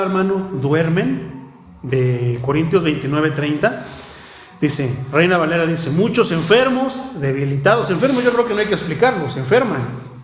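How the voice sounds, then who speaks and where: A man's voice: a little high, reverberant, slight background noise. A man, preaching a sermon to a congregation, asking rhetorical questions and calling listeners brother. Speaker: pastor. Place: church.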